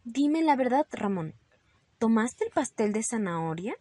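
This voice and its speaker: A woman's voice: a little high, very animated, warm tone, dry recording. A woman voicing a bossy mother rabbit, firm and scolding, in a storybook read-aloud. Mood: questioning. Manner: firm and scolding, quick to alarm.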